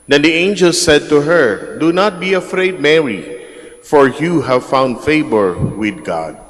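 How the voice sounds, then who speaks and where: A man, a priest reading the gospel at Mass in a slow, measured way, his voice carried by a cathedral echo. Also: mid-range voice. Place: large church. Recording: long church reverb from the PA.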